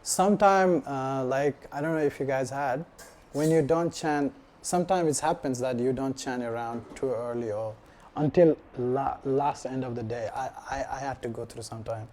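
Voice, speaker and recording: A man from Nepal, giving a casual personal testimony at a devotional gathering in a relaxed, halting way full of 'you know' fillers. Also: mid-range voice, slight background noise. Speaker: devotee sharing his practice at a gathering.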